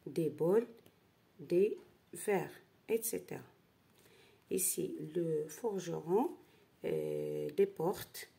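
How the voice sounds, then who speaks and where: Slow, gravelly-voiced woman teacher. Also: sits low, dark tone. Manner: spells out syllables, checks in with d'accord. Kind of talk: slow worksheet lesson.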